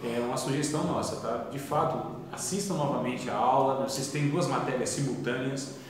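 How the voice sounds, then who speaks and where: A man with a Brazilian Portuguese accent teaching a theology class in a conversational way, asking his students questions with gentle irony. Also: mid-range voice, moderate pace. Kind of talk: classroom lecture. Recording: echoey classroom, faint background noise.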